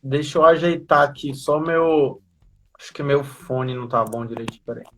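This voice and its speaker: A history teacher and educational coordinator from Ceará, Brazil, in his thirties, guests on a casual live chat and explains things with a Northeastern Brazilian accent, often tossing in little tag questions to seek agreement. His voice is mid-range and fairly bright at a moderate pace, in a rough recording.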